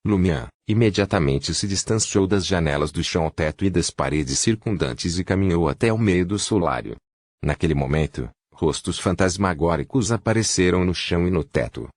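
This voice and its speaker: A man narrating a fantasy novel as an audiobook, reading in a steady, even pace. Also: low-pitched, no room sound, studio quality.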